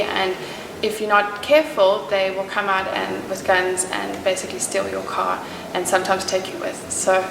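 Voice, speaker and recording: A woman's voice: medium pitch, gravelly. A young woman with a South African accent, speaking casually and informatively in an interview. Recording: very echoey room, distant mic, noisy.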